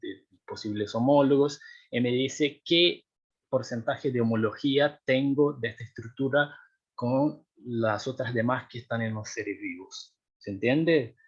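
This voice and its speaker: A young adult man, a doctoral researcher whose first language is Portuguese, explains his work at a seminar. His mid-range voice is husky and a little slow, with the highs cut off, and he hesitates with many fillers and restarts, often checking he's understood.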